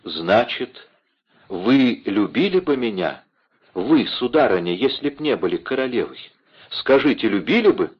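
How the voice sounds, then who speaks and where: A man's voice: mid-range voice, very animated, measured pace, slightly rough, dull audio. A man playing a passionate, devoted young nobleman in an audiobook, speaking ardently. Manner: ardent, impassioned.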